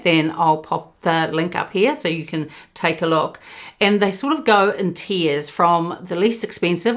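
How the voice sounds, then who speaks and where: A woman in her fifties, a beauty vlogger giving a chatty, enthusiastic skincare talk to camera. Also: sits low. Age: 50s. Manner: chatty and enthusiastic, explains step by step.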